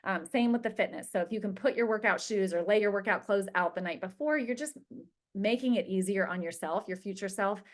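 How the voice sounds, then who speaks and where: A woman's voice: mid-range voice, brisk. Middle-aged woman coach, chatty, lots of ums and likes, walking a group thru workbooks. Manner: chatty, many fillers and "like". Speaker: wellness coach. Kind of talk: casual group coaching talk.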